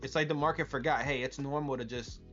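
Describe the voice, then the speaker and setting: A man's voice: medium pitch, fairly even intonation, quick pace, fairly bright tone. Man, casual trader on a call, brash, curses freely, dull audio with faint music. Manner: brash, swears freely, rambling restarts. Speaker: trader on a live stream. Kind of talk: casual trading chat.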